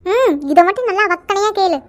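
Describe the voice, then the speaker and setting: Teasing, chatty college girls in an animated series. The voice is pitched very high and squeaky, and the recording is close and completely dry. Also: normal speed, no echo. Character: chatty teenage college girl friends. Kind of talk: cartoon voice acting.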